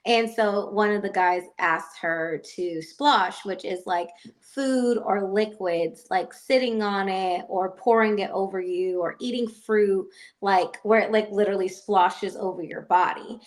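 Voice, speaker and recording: A woman co-hosting a podcast in casual chat, talking fast and loose, laughing often and saying "like" a lot. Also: mid-range voice. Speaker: podcast co-host.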